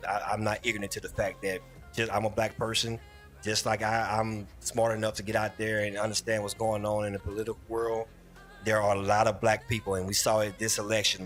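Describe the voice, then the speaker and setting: A man's voice: fairly low pitch, fairly bright tone. Rambling man hosting a livestream. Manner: rambling, talks straight to viewers in the chat. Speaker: livestream host. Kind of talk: casual live-stream commentary.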